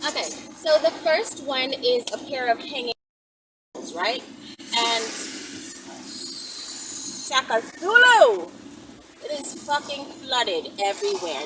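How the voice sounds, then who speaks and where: With background noise behind her, a woman with a fairly high voice and a Bahamian accent chats with viewers as host of her own channel. Her advice is casual and candid, delivered bluntly in informal language with swearing sprinkled through.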